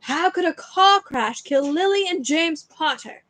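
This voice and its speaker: Gruff folksy giant groundskeeper, booming and rough, played by a woman. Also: fairly even intonation, brisk, a little mellow, no echo, natural voice. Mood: outraged. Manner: blustering, rough folksy speech.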